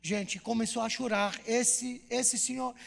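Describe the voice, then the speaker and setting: A male pastor telling his testimony to a church, animated storytelling with acted dialogue. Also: very high-pitched, a little slow, creaky. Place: church hall. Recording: long reverb of church hall.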